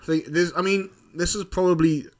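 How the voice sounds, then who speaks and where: A young man, co-hosting a podcast in relaxed, rambling chat with lots of fillers. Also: high-pitched, moderate pace. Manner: laid-back, rambling with fillers, laughs often. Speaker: podcast co-host. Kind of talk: casual chat.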